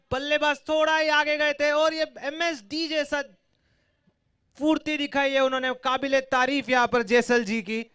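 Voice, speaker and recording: An Indian man delivers excited live cricket commentary in a very high, clean, resonant voice. He calls the play as a match commentator with an Indian accent. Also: clean tone.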